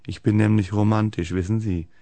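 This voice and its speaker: A man reading the lines of a talkative, sturdy female X-ray nurse in a deep voice. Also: steady tone, a little fast, creaky, mellow, dry recording. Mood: chatty. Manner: talkative, tops every story.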